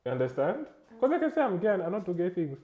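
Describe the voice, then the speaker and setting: A man's voice: high-pitched, very animated, very fast, warm tone. A man from Lusaka with a Zambian accent, chatting casually as an interview guest, repeating words in an emphatic stammer. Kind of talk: casual chat.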